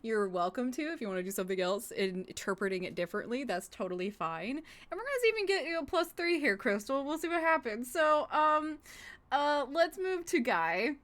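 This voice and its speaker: Giggly high-voiced woman game master. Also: fairly quick. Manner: giggly and animated, often breaking into laughter. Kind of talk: running a tabletop game over a voice call.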